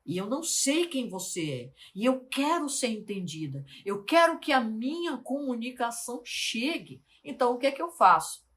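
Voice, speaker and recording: A woman, a life mentor teaching to camera, speaking slowly and articulating carefully, often asking the viewer questions. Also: a little high, very animated, fairly bright tone. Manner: deliberate, slowed, carefully articulated delivery.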